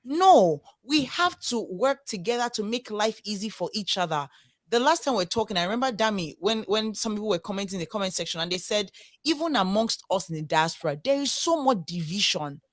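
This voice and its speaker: A woman's voice: medium pitch, brisk, dry recording, clean studio sound. A young Nigerian woman with a Nigerian accent, hosting a casual roundtable discussion and making her points earnestly and with emphasis. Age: young adult. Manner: earnest, animated, emphatic, repeats words. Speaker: discussion host.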